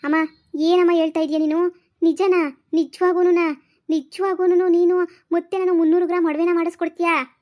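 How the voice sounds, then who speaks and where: A woman's voice: high voice, little pitch movement, fairly quick, dark tone, close to an everyday voice. A woman playing a grieving young married daughter, pleading and repetitive. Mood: excited. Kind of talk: village comedy skit acting.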